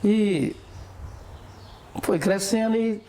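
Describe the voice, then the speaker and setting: A man's voice: sits high, drawn-out words, dark tone. A man with a Brazilian accent reminiscing casually as an interview guest, often checking in with short tag questions. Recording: faint background noise.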